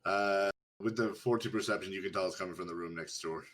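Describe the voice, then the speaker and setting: Low-voiced male game master on clipping mic. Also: fast, fairly bright tone. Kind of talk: improvised tabletop game narration.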